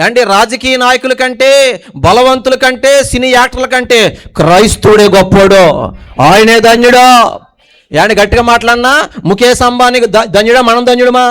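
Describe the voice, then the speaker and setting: High-voiced preaching man. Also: clear, resonant tone. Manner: preaching with call-and-response questions to the congregation; swings between loud emphatic lines and quiet low asides. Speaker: pastor. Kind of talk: sermon.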